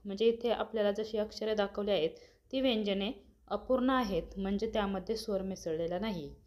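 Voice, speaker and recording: A woman teacher explaining an exam lesson to children, talking to them directly and pronouncing each letter slowly and clearly. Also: mid-range voice, a little mellow. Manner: addresses pupils directly.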